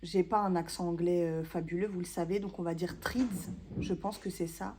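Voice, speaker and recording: A woman's voice: fairly low pitch, steady tone, moderate pace, darkish tone, husky. A woman in her thirties chatting casually to camera in a book vlog, self-mocking and full of small hesitations. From France. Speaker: booktuber.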